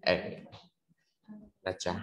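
A young man tutoring medical students in a loose, quick exam review full of fillers. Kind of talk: casual exam review lecture. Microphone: computer mic on a screen recording.

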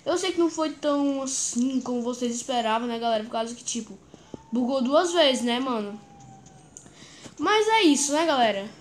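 A high, bright-voiced woman with a Brazilian Portuguese accent narrates her gameplay in a jumpy, excitable way. She repeats short words again and again as the game goes on. A faint hiss of noise sits under her voice. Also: moderate pace. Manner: excitable, chants words over and over. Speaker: gaming YouTuber. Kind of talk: gameplay commentary.

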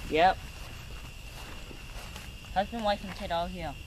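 A man's voice: high voice, slow. A man chatting casually outdoors in a slangy, exclamatory way while exploring with companions. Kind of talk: casual chat. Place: outdoors in a graveyard at night. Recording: noisy outdoor camera recording.

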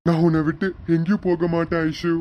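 A mid-pitched voice on a dull, lo-fi recording plays a caring young husband. He coaxes his upset wife softly and keeps pleading with her to eat, voiced by an actor. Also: level tone, fairly quick, noisy background, close to an everyday voice. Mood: coaxing. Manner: gentle, coaxing, pleading.

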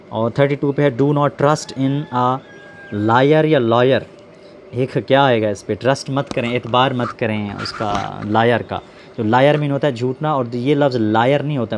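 A man teaching English vocabulary, explaining slowly, spelling words out letter by letter and asking his students questions. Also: mid-range voice, darkish tone, slight background noise. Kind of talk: classroom lesson explaining word pairs.

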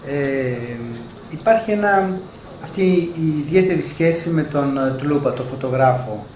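Male interviewer, measured and hesitant; mellow tone, echoey event room. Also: a little high. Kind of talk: moderating a live book event. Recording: echoey room, faint background noise.

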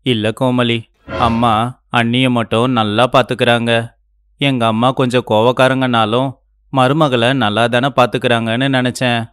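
A man's voice: mid-range voice, level tone, moderate pace, a bit bright, clean tone, no room sound, natural voice. A man voicing a kind young husband in a cartoon story, speaking in an earnest, pleading manner. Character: kind young husband defending his wife. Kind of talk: cartoon voice acting.

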